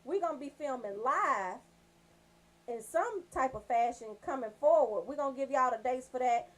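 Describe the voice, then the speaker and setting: With a high, expressive and somewhat bright voice at a moderate pace, an American woman hosts a casual radio show. She banters and jokes in slangy chat, speaking directly to her listeners.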